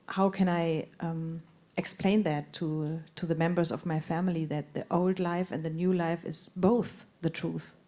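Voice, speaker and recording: An actress speaks on a festival panel, hesitant and laughing, restarting her sentences again and again. Her voice is fairly low-pitched with a dark tone.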